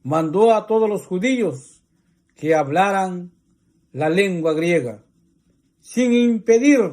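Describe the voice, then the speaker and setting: Slow, high-voiced Mexican preacher. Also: male voice, darkish tone. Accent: Mexican Spanish. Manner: slow, deliberate, repetitive phrasing. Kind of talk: religious teaching monologue.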